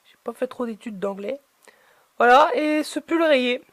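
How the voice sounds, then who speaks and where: A woman's voice: high-pitched, expressive, measured pace, no echo. A woman chatting casually as she unboxes collectible figurines, hesitant and full of fillers.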